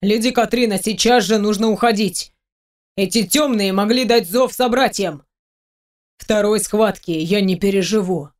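A woman reading an audiobook voices a wounded young male swordsman who speaks formally and politely, in a slightly lowered voice. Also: moderate pace, natural voice. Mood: earnest, composed. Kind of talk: audiobook character voice.

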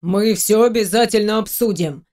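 A woman reading an audiobook voices a wounded young male swordsman who speaks formally and politely, in a slightly lowered voice. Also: normal speed, darkish tone, lightly acted. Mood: earnest, composed. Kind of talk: audiobook character voice.

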